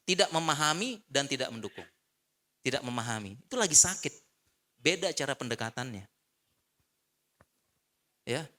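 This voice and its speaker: A man preaching in a mosque, giving an animated religious lecture to the congregation and repeating short refusals for emphasis. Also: mid-range voice. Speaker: Islamic preacher.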